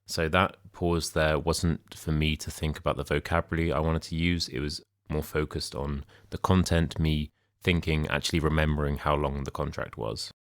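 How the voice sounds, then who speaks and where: A young man with a modern British accent, explaining things as an English speaking tutor in a measured, plain-spoken way. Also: a bass voice, flat delivery, no echo, studio quality. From United Kingdom. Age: young adult. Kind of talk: explanatory language lesson with sample exam answers.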